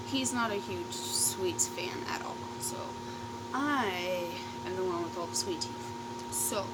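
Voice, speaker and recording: Female vlogger, mid-range pitch, informal and sweary, rambling storytime chat with trailing thoughts, clearly noisy recording. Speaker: YouTube vlogger. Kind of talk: casual rambling storytime chat while eating.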